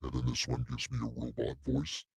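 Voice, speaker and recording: A man's own recorded voice, pitched far down into a gravelly robot voice effect that he plays at the press of a button. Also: completely flat delivery, fairly quick, a little mellow, exaggerated voice. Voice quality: gravelly, raspy. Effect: deep pitched-down robot voice filter. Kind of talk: pre-recorded live stream sound effect.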